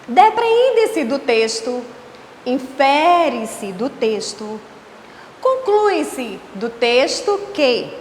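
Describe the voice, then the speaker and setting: A Brazilian woman teacher giving an online class, explaining slowly and asking rhetorical questions. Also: high voice. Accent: Brazilian Portuguese. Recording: echoey room with faint hiss.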